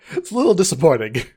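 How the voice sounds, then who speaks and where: Brief: male co-host, higher voice, bouncy animated pitch, quick jokes and frequent laughs. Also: breathy edge. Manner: joking, laughs often, animated asides. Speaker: podcast co-host. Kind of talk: casual chat reacting to an episode recap.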